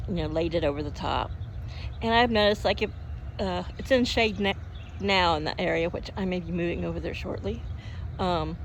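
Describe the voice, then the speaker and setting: Older woman from Oklahoma, rambling garden vlogger, gravelly voice, outdoor mic with faint birds and traffic. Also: lowish voice. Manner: meandering, homey, with frequent hiccups and yawns. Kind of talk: rambling casual chat.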